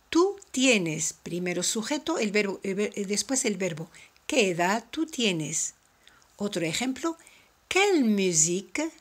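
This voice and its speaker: A woman teaching a French lesson, explaining step by step and repeating each example slowly. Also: medium pitch, fairly bright tone, husky. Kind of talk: slow, careful language lesson.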